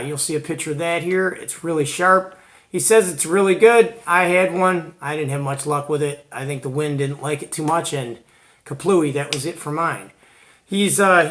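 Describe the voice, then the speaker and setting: A man from Georgia in the United States hosts a CB radio hobby show and tell, his voice a bit bright and on the high side. He chats casually and informally, using plenty of slang.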